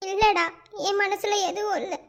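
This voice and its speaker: A woman's voice: very high-pitched, fairly even intonation, normal speed, fairly bright tone. A woman voicing a frightened young female college student who pleads and confides her fears. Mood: fearful. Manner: pleading, fearful and tearful.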